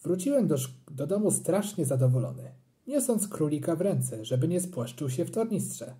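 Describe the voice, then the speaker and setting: An audiobook reader telling a children's story with animated, playful expression. The voice is dark and mellow, and the pitch rises and falls freely. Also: normal speed.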